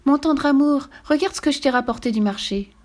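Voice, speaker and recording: A woman's voice: high voice, brisk, darkish tone, voice pushed up, lightly acted. A woman voicing a cheerful young countess and mother who speaks in a sweet, coaxing way.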